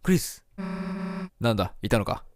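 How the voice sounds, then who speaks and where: A man voicing a tough, rude monster schoolgirl who talks in a gruff, threatening way while reading game dialogue. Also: lowish voice, big pitch swings, moderate pace, a little mellow, voice pushed down. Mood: menacing. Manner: gruff, threatening, coarse speech. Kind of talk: voicing game dialogue during a let's play.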